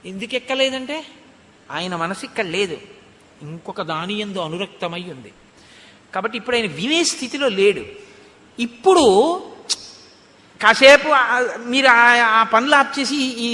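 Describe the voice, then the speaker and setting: High, bright-voiced man giving a religious discourse. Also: long reverb tail, slight background noise. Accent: Telugu. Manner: storytelling, animated, asks listeners rhetorical questions. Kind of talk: Telugu Ramayana discourse.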